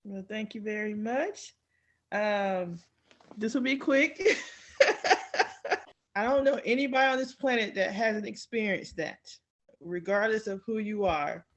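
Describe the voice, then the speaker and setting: A woman's voice: mid-range voice, takes it slowly, pauses often, dull audio. A woman guest on a podcast speaking candidly about her own experience, with many fillers, acting out her inner thoughts. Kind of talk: casual personal talk.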